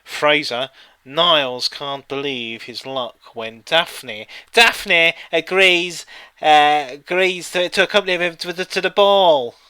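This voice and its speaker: A man chatting casually on a live stream, playful and jokey. His voice is bright and forceful with a crisp, resonant clarity. The sound is dry and close. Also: on the high side, slow pace, no room sound. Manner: jokey, reads listings aloud in bits. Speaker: streamer co-host.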